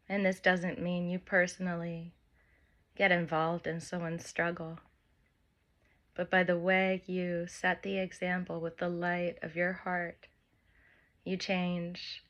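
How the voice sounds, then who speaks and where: Recorded in lo-fi out in the open air among wind and birdsong, a meditation guide speaks at a slow, even pitch that sits fairly low. Her soft instructions unfold in unhurried, gentle phrases with long pauses between them.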